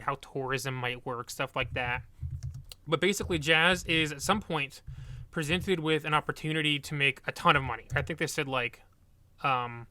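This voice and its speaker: A man co-hosting a book podcast, summarizing a novel in a relaxed way and often correcting himself. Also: mid-range voice, smooth, no echo. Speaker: podcast co-host. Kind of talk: casual book review chat.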